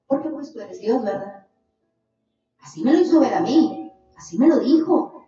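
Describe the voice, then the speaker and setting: A woman shares a fervent religious testimony, pressing her point earnestly to the listener. Her slightly high voice sounds distant and dull, caught in a very echoey room with faint music underneath. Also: lively intonation, moderate pace, mellow. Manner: earnest, calls listener "hermanito". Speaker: podcast guest giving testimony.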